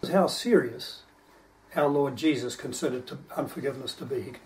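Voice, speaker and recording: A man's voice: mid-range voice, normal speed, slight background noise. A man preaching a sermon, reading scripture aloud and stopping to explain verses in an earnest teaching manner. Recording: distant microphone.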